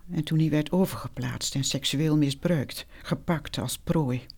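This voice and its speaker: A meditation teacher telling a reflective first-person story in a calm, measured way, dropping to a whisper for quoted speech. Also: mid-range voice, husky.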